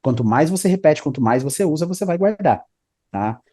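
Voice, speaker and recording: A man's voice: a little high, lively intonation, a little fast, dark tone. A man, an English teacher explaining study tips in a casual interview, often adding "né?" and "tá?". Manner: explanatory, repeats 'né?' and 'tá?'.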